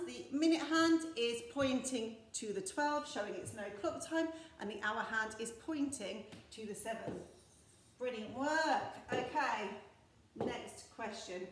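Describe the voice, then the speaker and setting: A woman teaching a recorded maths lesson to young children, bright and encouraging with lots of praise. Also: high-pitched, roomy sound. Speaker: primary school teacher. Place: classroom.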